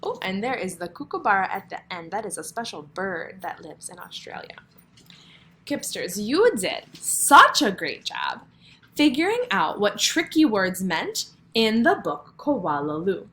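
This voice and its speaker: Reading a story to a kindergarten class, a woman teacher muses aloud and asks easy questions with lively, child-directed expression. She speaks at a medium pitch and a measured pace, with slight background noise.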